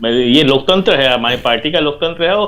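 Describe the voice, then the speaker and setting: A man's voice: medium pitch, fairly quick, fairly bright tone. A man speaking as a party spokesperson on a televised debate, emphatic and argumentative, with hesitant fillers.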